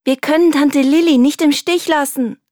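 A woman's voice: high-pitched, moderate pace, a little mellow, no echo, clean studio sound, voice pushed up, close to an everyday voice. A woman voicing a brave, stubborn young girl in an audiobook, calling out urgently and emphatically. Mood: determined. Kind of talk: audiobook reading.

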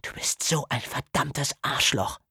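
A man voicing an angry, sharp-tongued teenage schoolgirl who accuses and scolds, with a husky voice. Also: medium pitch, unhurried, no room sound, clean studio sound, voice pushed up, full character voice. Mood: furious. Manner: furious, accusing.

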